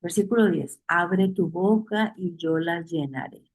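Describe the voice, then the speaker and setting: A woman's voice: fairly low pitch, measured pace, rough recording. A woman leading a Bible study class, reading verses aloud, repeating key phrases and putting questions to her listeners. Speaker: Bible teacher.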